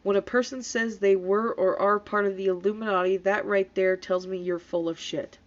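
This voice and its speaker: A woman's voice: medium pitch, fairly even intonation, normal speed. A woman reading comments aloud in disbelief and adding casual, sarcastic, scoffing commentary with plenty of swearing. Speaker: YouTube commentator reacting to comments. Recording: dull, lo-fi sound.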